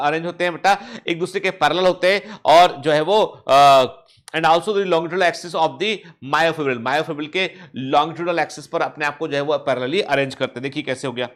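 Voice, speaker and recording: A man teaching a biology lesson. He reads English textbook lines slowly, explains them in quick Hindi, and keeps asking students check questions. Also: a little high, fairly bright tone. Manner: calls students "beta" and checks with "theek hai".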